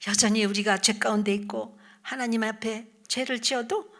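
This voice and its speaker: A woman evangelist telling a Bible story to children, animated, asking questions and dropping into soft whispered asides. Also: fairly high pitch, moderate pace.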